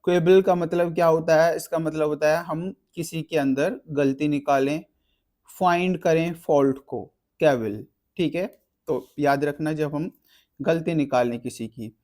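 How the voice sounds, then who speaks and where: A man teaching a vocabulary lesson, explaining slowly with spelled-out words and memory tricks. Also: fairly high pitch, steady tone, darkish tone.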